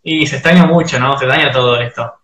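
A man's voice: medium pitch, quick pace, a bit bright, reverberant. A man with a Uruguayan accent hosting a casual live-stream interview, chatty and rambling with fillers. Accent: Uruguayan Spanish. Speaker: host of a fan live stream.

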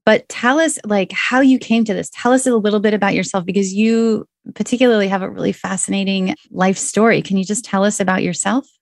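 Brief: woman podcast host, eager and effusive, mid pitch, dry close sound. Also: fairly quick, gravelly, few pauses, dry recording. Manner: warmly enthusiastic, effusive. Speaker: podcast host, nurse practitioner. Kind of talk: podcast interview hosting.

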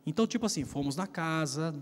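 High-voiced Brazilian preacher in a hall. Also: male voice, lively intonation, quick pace. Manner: conversational, slangy storytelling. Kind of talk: sermon with personal storytelling. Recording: long reverb of a large hall.

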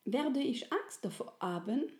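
A woman's voice: a little high, animated, measured pace, a little mellow, voice pushed up. A woman voicing a small, curious, childlike soul who pleads and wonders, with French exclamations. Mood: wistful. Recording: roomy echo.

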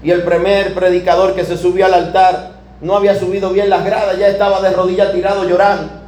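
Man, preacher, sermon storytelling, slightly high voice, emphatic drawn-out words, echoey room. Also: level tone, a little mellow. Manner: emphatic, varies pace, drawls key words. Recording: echoey room with air conditioning hum.

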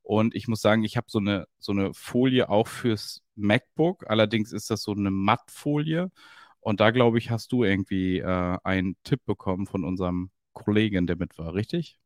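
A man co-hosting a podcast in relaxed, knowledgeable casual chat with a slangy turn of phrase. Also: fairly low pitch, normal speed, no room sound, clean studio sound. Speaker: podcast co-host.

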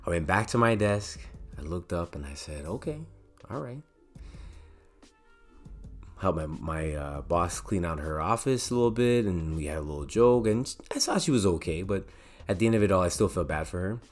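A young man from Canada hosting a podcast, telling a personal story in a lively way and acting out the voices of the people he quotes. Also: low-pitched, brisk, faint music behind. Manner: animated, acts out quoted voices. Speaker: podcast host.

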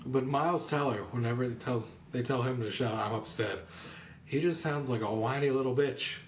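A man's voice: mid-range voice, fairly quick, echoey room, a little hiss or hum. A man co-hosting a podcast, chatting casually and rambling through a jokey movie rant with lots of fillers. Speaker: podcast co-host. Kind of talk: casual chat.

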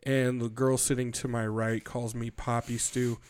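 A man's voice: medium pitch, little pitch movement, normal speed, smooth. A man hosting a casual podcast, joking around and swearing freely. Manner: profane, joking. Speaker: podcast host.

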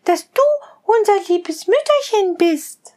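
A woman voicing a chorus of seven little goat kids in a storybook reading, with high squeaky bleating voices. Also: animated, slow, a little mellow, exaggerated voice. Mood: defiant.

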